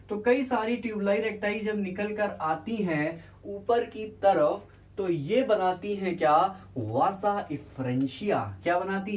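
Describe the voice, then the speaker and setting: A man's voice: sits high, a little mellow. Man teaching in a casual lecture. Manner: quizzes students with rhetorical questions, then answers them himself; keeps repeating a check-in tag to students. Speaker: biology teacher. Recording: voice distant from the mic.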